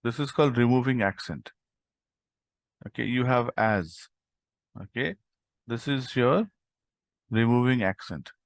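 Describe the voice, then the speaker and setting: A man's voice: medium pitch, lively intonation, measured pace, long pauses, dry recording. A man teaching a live coding tutorial over an online call, explaining step by step with frequent "okay" and "right?". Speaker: instructor.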